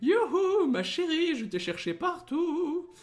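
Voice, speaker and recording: A man voicing a flamboyant, camp fairy godmother in a shrill, sing-song falsetto, reading game dialogue aloud with a theatrical, drawn-out delivery. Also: sing-song, full character voice. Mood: gushing.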